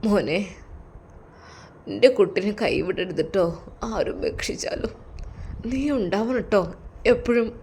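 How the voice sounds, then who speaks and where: A woman voicing a frail, grieving old father in a spoken story. She gives him a soft, pleading, tearful manner. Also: medium pitch, measured pace, vocal fry, long pauses, breathy edge.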